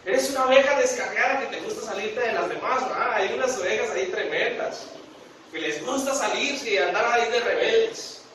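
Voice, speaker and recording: Echoey Guatemalan pastor preaching from afar. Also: male voice, high-pitched, expressive, fairly bright tone, a little hiss or hum. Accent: Guatemalan Spanish. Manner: earnest preaching, rising on questions, slowing to read scripture aloud. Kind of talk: sermon. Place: church sanctuary. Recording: very echoey church hall, voice from a distance.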